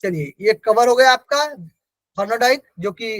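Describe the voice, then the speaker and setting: A man's voice: extremely high pitch, lively intonation, normal speed, fairly bright tone, dry recording, poor audio. A man giving an exam-prep lecture. He asks the class questions, answers them himself and repeats key terms. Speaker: teacher.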